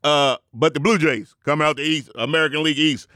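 A man hosting a sports talk show that turns into a sermon, calling himself by a title in the third person and leaping between a low drawl and high, excited bursts. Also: a little fast, dry recording, studio quality. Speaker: sports commentator and preacher.

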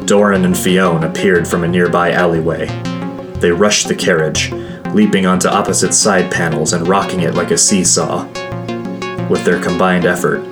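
Slow, deep-voiced man narrating a novel. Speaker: audiobook narrator. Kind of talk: first-person fantasy novel narration.

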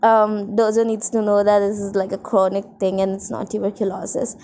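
A young college student with an Indian accent co-hosts a podcast, rambling casually in a self-mocking, dramatic, irreverent way. Her mid-range voice is mellow and fairly monotone, moving a little fast, and there's a slight hiss or hum in the audio.

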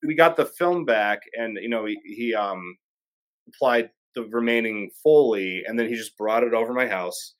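A man's voice: lowish voice, normal speed. A man, a filmmaker guest, telling a story in casual chat and acting out his own quotes.

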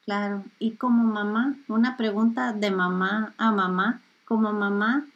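A woman podcast host interviewing a mother, speaking gently and affirming with frequent backchannel sounds. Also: mid-range voice, steady tone, measured pace, lo-fi sound. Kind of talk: conversational interview.

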